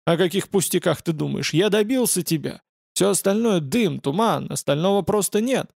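A man's voice: high voice, animated, moderate pace, creaky, a little mellow, dry recording, clean studio sound, full character voice. A man voicing a young male warrior king, speaking fervently and dismissively.

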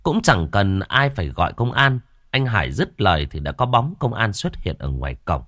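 Male horror narrator, lowish voice, very animated. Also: normal speed, no echo, studio quality. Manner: dramatic, expressive.

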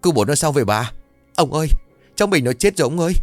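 A man's voice: on the low side, brisk, no room sound, faint music behind, close to an everyday voice. A man voicing an elderly village grandmother who scolds her grandson and cries out for help. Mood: frantic. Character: elderly village grandmother, stern then frantic.

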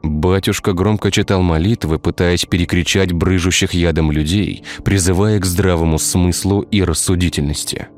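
A man narrating a dark village tale in a scripted storytelling style. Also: deep voice, steady tone, normal speed, few pauses. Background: faint music.

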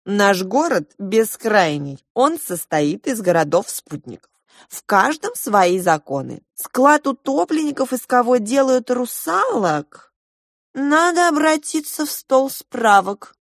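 A woman's voice: a little high, very animated, dry recording, clean studio sound, pitched above the performer's own voice, full character voice. A woman doing a brash bossy hotel landlady. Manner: bold, quick-tongued, scolding.

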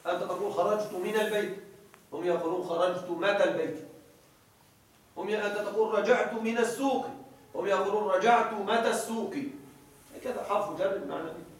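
A high-voiced man lecturing in a strongly echoing room, with his voice coming from some distance away from the mic. He reads a passage out, explains it, and keeps checking that his listeners are following along. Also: steady tone, a little fast. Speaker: grammar teacher. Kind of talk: classroom lecture explaining a grammar text. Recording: very echoey room, voice from far off the mic.

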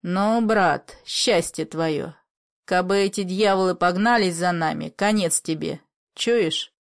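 A woman voicing a menacing grown male smuggler who gives curt orders and hisses threats in a low whisper. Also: slow pace. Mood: threatening.

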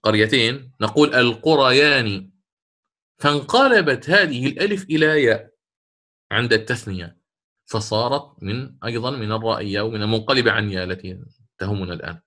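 A man's voice: on the low side, quick pace, pushed and bright. A middle-aged sheikh teaching Quran recitation rules in a classroom lecture, explaining step by step, repeating key words and quizzing his students.

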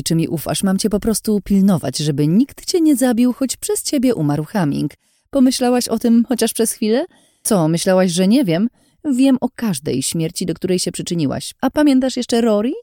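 A woman voicing a fierce, harsh young woman guard who snaps and shouts through gritted teeth. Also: low voice, dry recording, clean studio sound, full character voice.

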